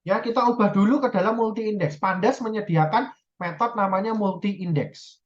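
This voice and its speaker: Woman lecturer, patient step-by-step explainer, mid pitch, muffled lo-fi lecture audio. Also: normal speed. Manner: explains step by step, often checks "ya" and self-corrects. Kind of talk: recorded university lecture.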